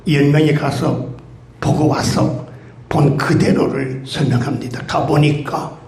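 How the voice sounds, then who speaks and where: A man's voice: a little high, fairly even intonation, a little slow, gravelly, darkish tone. A man preaching a sermon as pastor, telling stories and acting out the voices of grumbling crowds. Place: church sanctuary. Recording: echoey church hall.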